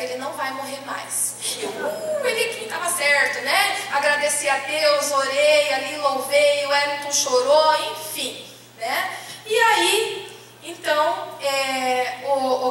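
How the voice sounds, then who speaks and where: High, bright Brazilian woman testifying in an echoey church. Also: a little hiss or hum. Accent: Brazilian Portuguese. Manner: emotional storytelling, acting out dialogue. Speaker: church member giving testimony. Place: church hall, indoors. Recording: echoey church hall from far off.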